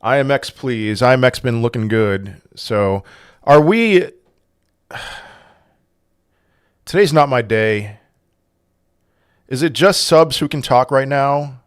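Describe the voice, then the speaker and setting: Slow and expressive, with long pauses, this man's mid-range voice comes across clear and resonant through a desk microphone. He's from Portugal, hosting a casual crypto livestream where he reads out chat questions and gives rambling answers with frequent restarts.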